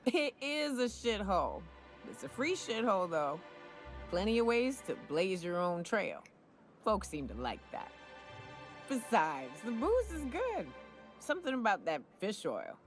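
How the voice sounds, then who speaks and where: A woman playing a boozy, rough-edged monster hunter in a video game, rambling tipsily like a barfly. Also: medium pitch, very animated, unhurried, soft background music. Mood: tipsy, flirty. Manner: tipsy, rambling barfly drawl. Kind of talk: video game character dialogue.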